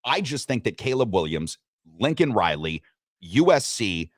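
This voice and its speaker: Lively male sports radio host. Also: lowish voice, a little slow, dry recording, clean studio sound. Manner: animated, lively delivery with repeated restarts. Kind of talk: sports betting talk.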